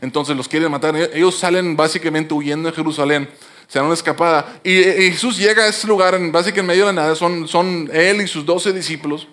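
Guy with a pretty high voice giving a sermon, chatty and explaining stuff, trips over words a lot. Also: fairly quick, a bit bright. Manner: explanatory, conversational preaching with frequent restarts. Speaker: pastor.

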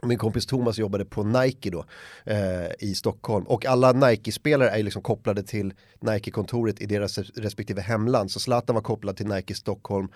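A man chatting casually on a podcast, telling an animated anecdote and acting out the shouts and quotes of the people in it. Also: fairly low pitch, no room sound, studio quality. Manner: lively anecdote teller, acts out shouts and quotes. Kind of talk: casual chat, animated storytelling.

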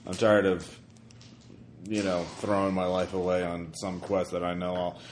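Man playing a low-voiced, weary aging adventurer. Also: monotone, normal speed, echoey room, slight background noise, close to an everyday voice. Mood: weary, resigned. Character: weary aging man, resigned, tired of questing.

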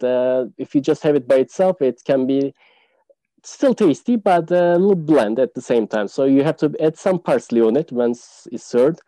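A man, a tour guide, explaining local food in a casual podcast interview, pausing often with "uh". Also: medium pitch, warm tone, dry recording, poor audio. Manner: explanatory, many "uh" fillers.

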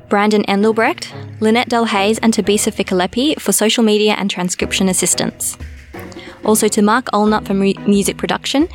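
A woman hosting a podcast, chatting casually and laughing easily, then reading the closing credits in a steady voice. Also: medium pitch. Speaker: podcast host. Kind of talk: casual chat and scripted outro.

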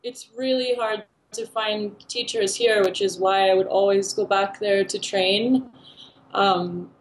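A woman's voice: mid-range voice, fairly even intonation, measured pace, slight background noise, poor audio. A woman in her thirties, a dancer and dance teacher born in India, answering interview questions in a chatty way with many fillers and restarts. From born in India, raised between India and America.

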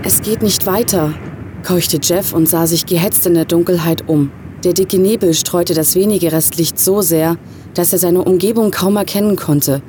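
A woman with a fairly low voice narrates a horror short story with tense, atmospheric delivery. Clear street and traffic noise runs behind her throughout. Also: steady tone, moderate pace, dark tone. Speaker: story reader.

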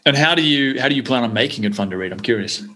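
An Australian podcast host who talks quickly and with friendly enthusiasm. His voice sits at a middle pitch, and he moves briskly from one remark to the next. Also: expressive, bright, forceful tone. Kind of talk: casual podcast interview.

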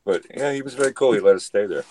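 A man's voice: mid-range voice, lively intonation, very fast, a little mellow. A man talking as a podcast guest about his hiking trip, telling stories in a loose, rambling way full of "you know". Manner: rambling storyteller, many "you know" fillers. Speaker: podcast guest, thru-hiker. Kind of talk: casual chat.

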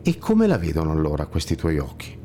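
A man's voice: very deep voice, huge pitch swings, brisk, mellow, faint music behind, heavily acted. A man voicing a weary, anxious blind man who asks plaintive questions while searching for a better place, in a storybook tale.

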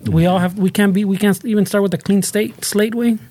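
Mellow Mexican American man switching into Spanish slang. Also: sits high, steady tone, quick pace, no room sound. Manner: code-switches between English and Spanish slang, profane, repeats words. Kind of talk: casual podcast chat.

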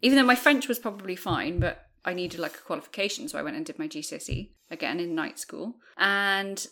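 A woman, co-hosting and chatting casually, animated and full of fillers. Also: lowish voice, brisk. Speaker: podcast co-host. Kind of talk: casual chat recapping a TV episode.

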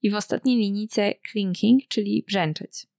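A woman's voice: medium pitch, unhurried, gravelly, a little mellow, dry recording. A woman co-hosting a book discussion podcast. She speaks in an analytical, precise way, and the sound is dry and close, with no room around it. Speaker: podcast co-host.

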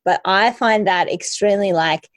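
Female co-host, Australian accent, mid-pitched, dry close recording, casual anecdotal chat. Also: moderate pace, dry recording. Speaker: podcast co-host.

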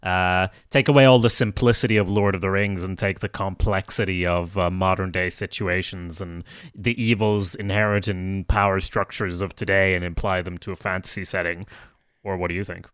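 In a clean studio recording with no room sound, a deep-voiced man speaks at normal speed with a clean tone. A native Swedish speaker, he chats casually while brainstorming a story, relaxed and musing, hesitating with many fillers.

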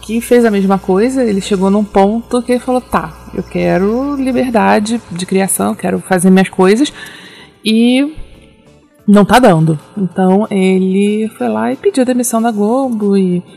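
Brazilian lady chatting away as a show host, kinda creaky voice, soft music behind her. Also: medium pitch, normal speed. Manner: chatty, informal, seeks agreement with tag questions. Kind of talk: casual TV news commentary.

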